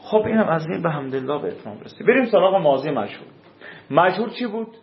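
A man's voice: on the high side, animated, creaky. A man teaching a grammar class. He reads a rule aloud, then explains it in casual speech and puts questions to his students. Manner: asks the class questions and answers them. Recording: echoey room, dull lo-fi sound.

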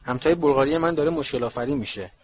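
A man voicing a jolly, excitable middle-aged male sports official in an audiobook reading. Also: breathy edge, lo-fi sound. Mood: cheerful. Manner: eager, booming, bouncy.

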